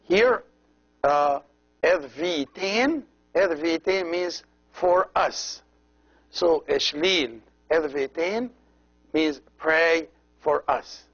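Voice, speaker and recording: A man teaching a language lesson as a priest, slowly repeating each word and explaining how every letter is pronounced. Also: fairly high pitch, fairly bright tone. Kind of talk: slow, patient language lesson. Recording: dull lo-fi recording.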